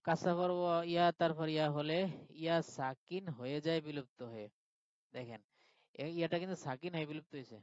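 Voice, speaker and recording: A man's voice: a little high, quick pace, no echo, muffled recording. A male teacher giving a live online grammar lesson. He explains patiently step by step and often checks in with his students. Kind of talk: live online class lecture.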